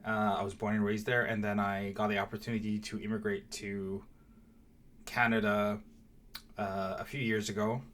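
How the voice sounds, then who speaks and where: A man's voice: on the low side, little pitch movement, moderate pace, a bit bright. A young man from Mauritius giving a casual, hesitant channel introduction, full of fillers and restarts. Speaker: vlogger. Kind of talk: casual direct-to-camera intro.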